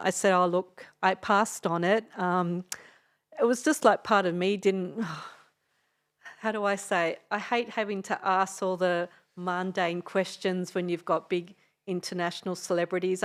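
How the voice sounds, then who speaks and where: Rambling through a story on a relaxed podcast interview, this middle-aged Australian DJ and radio host hesitates and laughs often. She has a fairly low voice with a clean tone.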